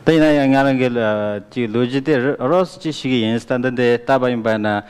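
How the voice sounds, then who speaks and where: A man interpreting a biology lecture for students, beginning each turn with a quick affirming "aha.". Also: medium pitch, a little mellow. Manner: brisk, with frequent affirming "aha". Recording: smooth voice in a long-reverb hall.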